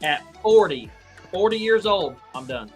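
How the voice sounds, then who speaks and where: A man's voice: high voice, very animated, unhurried, loud music behind the voice. Blunt man in his thirties. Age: 30s. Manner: blunt, joking, repeats himself. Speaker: guest, shop owner. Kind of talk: casual interview chat.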